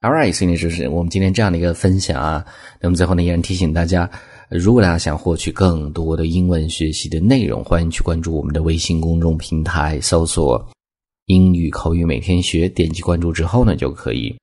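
A man teaching English phrases in a lesson, explaining step by step and slowing down to model each phrase. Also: low voice, steady tone, darkish tone, breathy edge.

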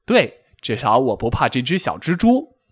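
A man's voice: mid-range voice, big pitch swings, normal speed, breathy edge. A man voicing a cheeky young male frog in a storybook, teasing in a mocking, sing-song way. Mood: annoyed.

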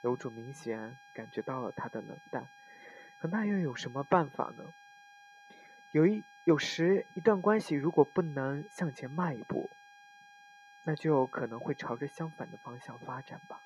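A man calmly reading a first-person forum story aloud, with the odd slip and self-correction. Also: mid-range voice, muffled recording, a little hiss or hum. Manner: calm, unhurried reading with small slips and self-corrections.

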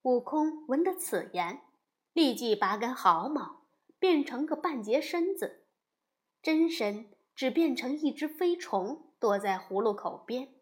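Slow, expressive woman storyteller. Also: high voice. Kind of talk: storybook narration.

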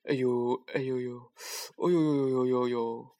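A man voicing a lazy, sly male pig spirit who wails and whines loudly in a children's story. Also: mid-range voice, steady tone, unhurried, natural voice. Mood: groaning. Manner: wailing and whining.

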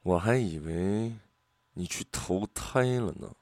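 A cold, gloomy young man from an audiobook story who answers in curt, flat lines, as a male narrator plays him. His voice runs low and quiet. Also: a little fast, dry recording, clean studio sound, close to an everyday voice.

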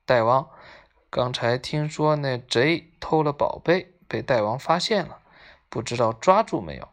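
A worried captive queen in a storybook, as a storyteller reads her. She sighs and coaxes gently, with a gravelly edge to the voice. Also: mid-range voice, lively intonation, unhurried.

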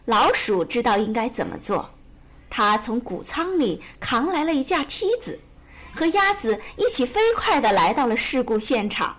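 A woman storyteller reading a children's storybook aloud in a gentle, expressive way. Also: on the high side, normal speed. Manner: gentle, expressive, sing-song.

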